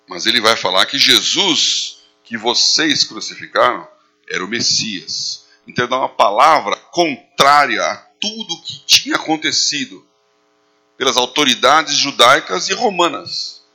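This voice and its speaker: A man's voice: mid-range voice, sharp tone. A man preaching a sermon, animating his points with acted quotes. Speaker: pastor.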